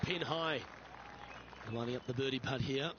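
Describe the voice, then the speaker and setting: A man doing play-by-play golf commentary in measured, clipped phrases. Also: mid-range voice, muffled recording, crowd noise, noisy background, lightly acted. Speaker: lead golf commentator in a video game.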